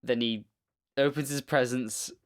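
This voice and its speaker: A man's voice: mid-range voice, steady tone, unhurried, clean tone. A young man co-hosting a podcast, chatting casually and animatedly, swearing and laughing often. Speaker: podcast co-host. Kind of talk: casual chat.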